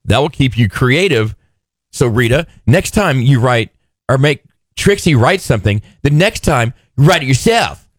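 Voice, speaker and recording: A male radio host in casual, teasing banter. His mid-pitched voice moves around with a lot of animation. The studio sound is close and dry. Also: animated, unhurried, no room sound. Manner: teasing, joking.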